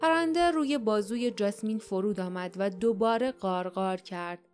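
A woman reading an adventure story aloud as an audiobook narrator, with steady storytelling. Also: medium pitch, soft background music. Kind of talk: scripted narration.

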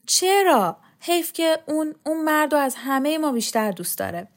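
A tearful young girl with a secret, pleading in quick rushes, as a woman reader voices her. Her voice lifts noticeably higher than the narration. It is an audio storybook. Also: lively intonation. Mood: anxious pleading.

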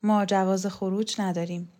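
A frail old lady, bedridden but proud, speaks in a quiet, weary and dry way, as a woman reads her part. Her voice sits at a middling pitch for a woman, soft and tired. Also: level tone, natural voice.

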